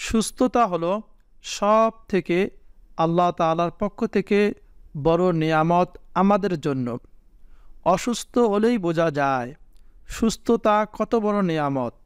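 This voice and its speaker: A man teaching a prayer to viewers, spelling out the Arabic letters slowly and patiently with a Bangladeshi Bengali accent. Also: sits high, smooth, no echo, studio quality. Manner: slow, patient spelling of Arabic letters, drawn-out chanted recitation. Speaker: religious teacher.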